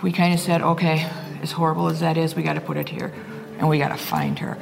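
Gravelly effusive woman in a roomy space. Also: low-pitched, level tone, fast, loud music behind the voice. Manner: effusive, emphatic. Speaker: interviewee. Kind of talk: emotional interview.

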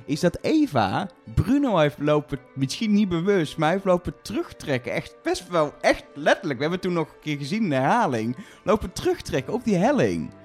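A man's voice: fairly high pitch, big pitch swings, a little fast, hardly any pauses, faint music behind. A man co-hosting a podcast, chatting casually about a TV show. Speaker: podcast co-host. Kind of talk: casual chat discussing a TV show.

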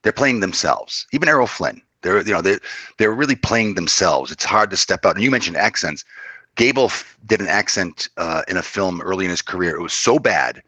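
An older man chatting as a podcast guest about classic films, measured and thoughtful with frequent restarts. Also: low-pitched, lively intonation, pushed and bright, husky, no echo. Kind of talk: casual film discussion.

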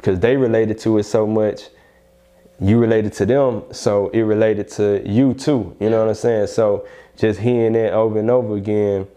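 Mellow Southern man, slangy and casual. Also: fairly low pitch, steady tone, normal speed. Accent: Southern US, Alabama. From Alabama, United States. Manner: slangy, repeatedly checks "you know what I'm saying". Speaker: rapper being interviewed. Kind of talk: casual interview talk.

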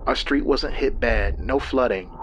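A man voicing a weary woman who speaks softly and quietly after an ordeal. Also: mid-range voice, unhurried, slight background noise, voice pushed up, natural voice. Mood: tired calm.

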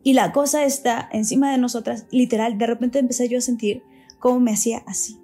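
A woman recounting a frightening night in casual chat, animated and repeating words for emphasis. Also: fairly high pitch, a little fast, husky, soft background music. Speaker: guest telling a paranormal experience.

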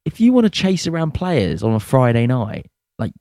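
A man's voice: mid-range voice, wildly swooping pitch, normal speed, vocal fry, mellow, no echo, studio quality. Blokey British man in casual chat. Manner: blokey, self-mocking, sweary. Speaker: podcast co-host. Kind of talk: casual chat, telling anecdotes.

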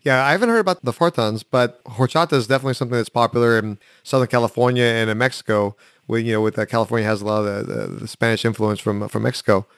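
A man hosts a casual interview at a brisk pace. He keeps the talk moving with quick agreements and follow-up questions. The recording is dry, with no room sound. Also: medium pitch, steady tone, smooth, no room sound. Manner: quick, affirming, asks follow-ups. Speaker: interview host.

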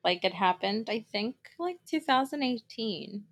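A woman's voice: on the high side, expressive, measured pace, slightly rough. A woman co-hosting a podcast, chatting casually with short, laid-back replies and hedging asides. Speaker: podcast co-host.

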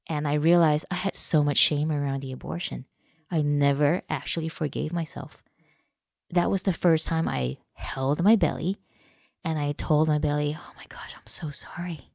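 Low-voiced woman sharing personal stories. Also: creaky, darkish tone, dry recording, studio quality. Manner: candid, personal storytelling. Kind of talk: casual podcast conversation.

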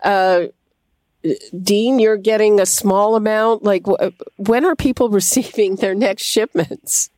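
A woman's voice: mid-range voice, steady tone, slow pace, a little mellow, dry recording. Woman hosting call-in radio. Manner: hesitant, many fillers and restarts. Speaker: radio host.

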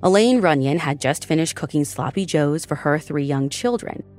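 A woman hosts and narrates a scripted true-crime story in a measured, dramatic delivery. Her voice sits notably low for a woman. Faint music runs under her narration. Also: animated, a little mellow. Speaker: podcast host and narrator.

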